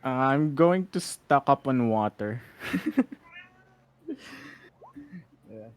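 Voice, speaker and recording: A man playing a tabletop game, relaxed and unhurried. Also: mid-range voice, no echo. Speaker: player.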